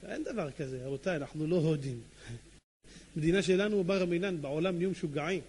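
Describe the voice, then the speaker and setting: A man's voice: fairly high pitch, a little mellow, slightly rough. A man preaching a sermon to a congregation, telling stories theatrically with joking asides. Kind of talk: sermon with dramatic storytelling.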